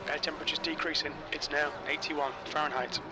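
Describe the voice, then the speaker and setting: A man voicing a calm race engineer, giving short, flat pit radio calls to a driver. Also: on the high side, a little fast. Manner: short clipped instructions, flat and matter-of-fact. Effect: terse pit radio call. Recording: race car engine noise behind. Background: car engine and track ambience.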